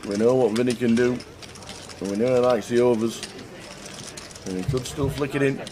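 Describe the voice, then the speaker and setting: A man's voice: mid-range voice, moderate pace, noisy background. A British man giving live poker commentary, chatty and joking as he runs through the players at the table. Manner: chatty, jokey, reads out the seating line-up.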